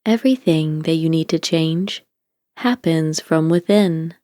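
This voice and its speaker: Calm and deliberate, a woman with a deep voice leads a scripted guided meditation through soothing, gentle instructions. The recording is dry and of studio quality.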